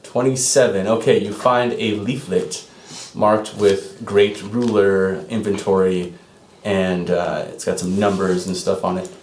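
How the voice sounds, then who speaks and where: A man's voice: low voice, darkish tone. A man acting as game master, casually narrating and refereeing a tabletop game. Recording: roomy echo with faint background noise.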